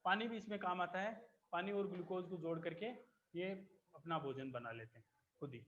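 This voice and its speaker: Teacher with a higher voice, lo-fi recording. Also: male voice, fairly bright tone, a little hiss or hum. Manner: explains slowly, repeats key terms, checks with "ठीक है ना". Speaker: biology teacher. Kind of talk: classroom lecture.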